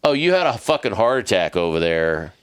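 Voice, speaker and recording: Low-voiced, foul-mouthed man in his fifties. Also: big pitch swings, brisk, smooth, dry recording, clean studio sound. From born in Greece to American parents. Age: 50s. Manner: profane, heated storytelling. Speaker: podcast host. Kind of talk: casual chat.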